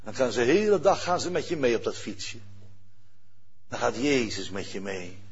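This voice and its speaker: Husky preacher, swinging loud and soft. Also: male voice, medium pitch, normal speed, muffled recording. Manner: lively, conversational preaching with sudden loud rises and soft drops. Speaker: pastor. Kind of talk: sermon.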